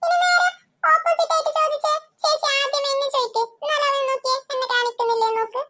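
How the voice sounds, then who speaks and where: A woman voicing a sly, squeaky cartoon girl. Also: steady tone, fast, bright, forceful tone, no room sound, studio quality. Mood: arguing. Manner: sing-song teasing, chants nursery rhymes. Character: mischievous little girl, playful and sly. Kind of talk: cartoon voice acting.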